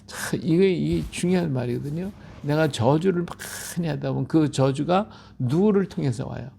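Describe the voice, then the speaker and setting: A man's voice: fairly high pitch, moderate pace, vocal fry, warm tone, a little hiss or hum. A middle-aged male pastor giving a Bible-reading sermon, emphatic and repetitive, often asking his listeners for agreement.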